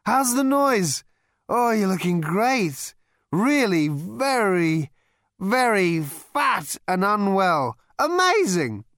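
A man's voice: high voice, very animated, slow pace, fairly bright tone, dry recording, studio quality, voice pushed up, heavily acted. A man voicing a drunk male alien traveller who rambles in a slurred, overfamiliar way. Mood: tipsy, rambling.

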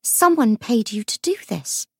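A woman's voice: a little high, big pitch swings, a little slow, gravelly, fairly bright tone, husky, dry recording, studio quality, voice pushed up, exaggerated voice. Woman doing a fierce young shadow huntress. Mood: demanding. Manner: urgent, demanding, raised voice.

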